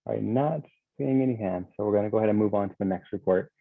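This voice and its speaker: A man chairing a public meeting over a video call, speaking in a halting way with many fillers. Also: fairly low pitch, gravelly, no room sound, narrow, tinny audio. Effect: heard over a video call. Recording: thin video-call audio.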